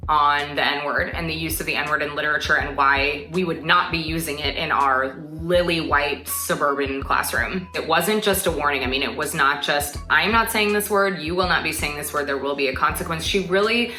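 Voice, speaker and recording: A woman's voice: sits low, normal speed, few pauses. A woman in her twenties, a teacher, speaking thoughtfully and carefully about a memory. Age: 20s. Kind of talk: personal testimony to camera. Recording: echoey room, soft music behind.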